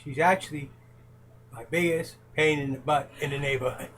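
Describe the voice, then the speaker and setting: A man's voice: fairly high pitch, steady tone, normal speed, a bit bright, slight background noise, low-quality recording. A man answering interview questions as a presidential hopeful in a casual home chat, earnest and emphatic.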